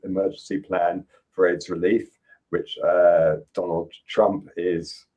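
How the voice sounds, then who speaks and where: Husky low-voiced man in his fifties. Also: darkish tone, poor audio. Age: 50s. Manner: earnest, reflective, frequent fillers. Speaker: podcast guest. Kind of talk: interview conversation.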